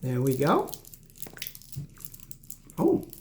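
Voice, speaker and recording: A man's voice: medium pitch, huge pitch swings, extremely slow, darkish tone, slight background noise. A man hosting a snack tasting video, reading out product notes and chatting as he chews. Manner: self-deprecating, chatty, chews while talking.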